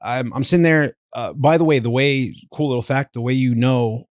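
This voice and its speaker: A man with an ordinary mid-range voice tells a personal story on a podcast. He is candid, slangy and animated, swearing now and then. The sound is dry and close, with no room around it. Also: medium pitch, moderate pace, no echo. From Southern California. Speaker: podcast co-host, interviewee.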